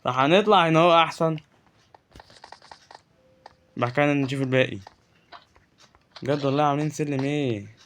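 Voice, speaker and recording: A fast-talking man with an Egyptian Arabic accent narrates his gameplay in a fairly high voice, chatty and joking as he scolds the creatures on screen. Faint noise and clicks sit behind him. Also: fairly bright tone. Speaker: gaming YouTuber. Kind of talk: casual Let's Play commentary.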